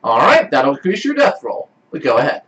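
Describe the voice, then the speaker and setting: A man's voice: a little fast, a crowd in the background, rough recording. A man running a tabletop role-playing game as game master, casual and often laughing. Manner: animated, laughing, lively pitch swings.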